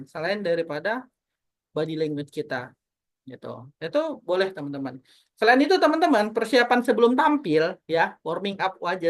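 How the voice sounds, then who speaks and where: Animated woman teaching an online speaking class. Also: medium pitch. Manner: animated, keeps addressing the audience as friends. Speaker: public speaking trainer.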